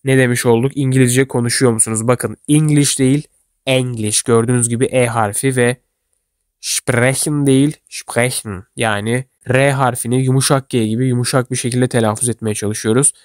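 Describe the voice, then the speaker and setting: A man walks learners through everyday German phrases. His voice sits at an ordinary middle pitch. The recording is dry and close, with no room echo, and he says each model phrase slowly and carefully. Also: flat delivery, a little mellow. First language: Turkish. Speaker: German language teacher. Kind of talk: instructional explanation for learners.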